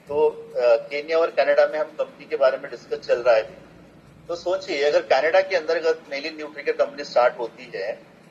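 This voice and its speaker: Male presenter, persuasive pitch-meeting delivery, dull lo-fi recording. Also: a little hiss or hum. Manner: rallies the audience with rhetorical questions. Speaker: business presenter. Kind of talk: motivational sales presentation. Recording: dull lo-fi sound with faint ambience.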